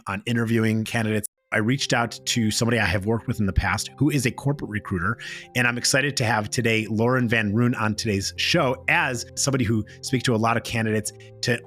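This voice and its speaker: A man's voice: on the low side, fairly bright tone. A man hosting a podcast in a prepared recap style while battling a chesty cold and cough, with a lozenge in his mouth. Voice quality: throat lozenge in mouth, mouth noises. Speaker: podcast host. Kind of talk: scripted recap podcast narration.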